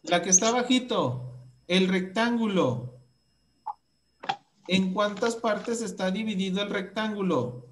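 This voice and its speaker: A woman's voice: mid-range voice, slow, long pauses, background noise. A Mexican woman teaching a math lesson to young children, asking questions patiently.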